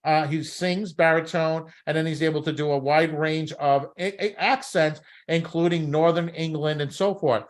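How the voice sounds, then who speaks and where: A man's voice: a little high, fairly even intonation, moderate pace, few pauses. A man with a Brooklyn accent giving an instructional talk as a talent coach, emphatic and often checking in with short tag questions. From Brooklyn, New York. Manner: emphatic, often tagging phrases with "okay?" and "right?". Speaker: talent scouting coach and presenter. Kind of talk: instructional presentation.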